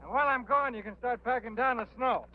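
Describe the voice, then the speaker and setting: Brisk bossy outdoor guide, old 50s film, dull hissy sound, high voice. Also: male voice. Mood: firm, practical. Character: commanding, practical outdoor guide leading a party. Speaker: film actor. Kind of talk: 1950s film acting.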